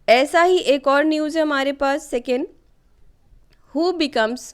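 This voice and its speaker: A woman's voice: on the high side, clear, resonant tone. A woman explaining current affairs questions for exam preparation in a chatty way, often checking in with "okay". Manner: conversational, many fillers and "ठीक है" check-ins. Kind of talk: exam-prep lesson explaining news questions.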